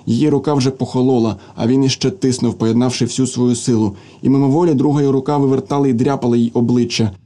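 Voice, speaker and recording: A man narrating a literary novel as an audiobook, in a steady, even manner. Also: medium pitch, quick pace, hardly any pauses.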